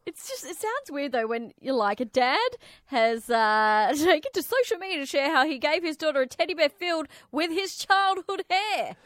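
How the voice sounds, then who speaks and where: A woman's voice: sits high, expressive, normal speed, hardly any pauses, a bit bright, dry recording, studio quality. A woman co-hosting a radio show in casual, giggly chat, saying "like" a lot. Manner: chatty, giggly, says "like" often. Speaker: radio host.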